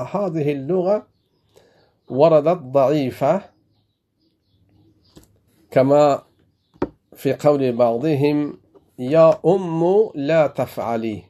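Afghan-born teacher, man, explains grammar slowly, dark warm tone, repeats examples. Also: fairly high pitch. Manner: deliberate, repeats each example several times. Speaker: religious teacher. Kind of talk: grammar lesson.

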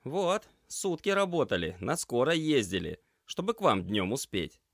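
A lively young trainee medic, upbeat and quick to tease, his voice sitting well above the reader's own and leaping around as he talks, as a male audiobook reader puts him on. The recording is close and dry, with no room sound at all. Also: medium pitch, gravelly, no room sound, pitched above the performer's own voice. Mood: businesslike. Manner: brisk, upbeat and teasing. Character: cheerful energetic young male paramedic trainee.

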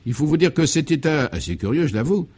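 A man's voice: a little high, sing-song, quick pace, a little mellow, breathy edge, pitched above the performer's own voice. A man playing a jovial colonial governor who explains things in a genial way, as comic radio serial acting.

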